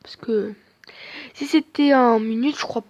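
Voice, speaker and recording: A woman's voice: a little high, a little slow, darkish tone, no echo, lo-fi sound. A woman commenting on her own football video game, chatting casually and cheering her players on play by play. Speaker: gamer.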